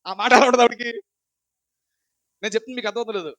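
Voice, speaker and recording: Fast, bright-voiced pastor preaching. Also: male voice, very high-pitched, fairly even intonation, no room sound, poor audio. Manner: rhetorical questions, repeats points. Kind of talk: sermon.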